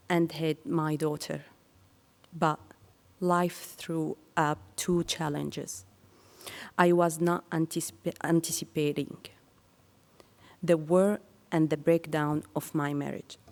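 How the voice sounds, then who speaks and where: A woman from Syria giving a prepared speech to an audience in measured, earnest phrases. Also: low-pitched, long reverb tail. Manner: slow and measured, with earnest pauses. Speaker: speaker sharing her career story.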